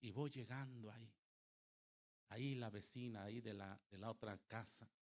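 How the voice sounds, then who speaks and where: A man's voice: on the low side, normal speed. Middle-aged preacher man, dramatic delivery. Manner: dramatic, swinging from loud emphatic calls to quiet recounting. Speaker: pastor. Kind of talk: Spanish-language sermon with storytelling. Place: church service.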